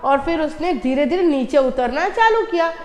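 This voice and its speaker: A woman's voice: sits high, animated, darkish tone, roomy sound, long reverb tail. A woman teacher, reading a children's story aloud and explaining each line to her young class, often asking what happens next. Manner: reads each English line slowly, then explains it in Hindi. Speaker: school teacher.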